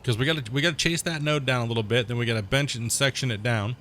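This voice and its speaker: Rapid-fire in a mid-range voice, with a little hiss or hum, this gaming channel host comments on his gameplay despite being sick and losing his voice. He rambles casually, defines terms as he plays, and reacts to mishaps with excited outbursts.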